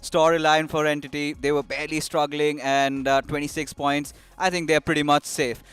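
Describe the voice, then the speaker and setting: A man with an Indian English accent, a guest analyst who talks excitably and hesitantly, with many fillers. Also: on the high side, normal speed, smooth, no echo, soft background music. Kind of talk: esports analyst desk commentary.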